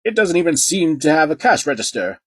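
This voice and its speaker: A man's voice: on the high side, very animated, a little fast, fairly bright tone, husky, no echo, pitched above the performer's own voice, full character voice. A man voicing a pompous, formal male stretchy toy in an audiobook, speaking in stiff, long-worded phrases. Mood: prim. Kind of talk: audiobook character voice.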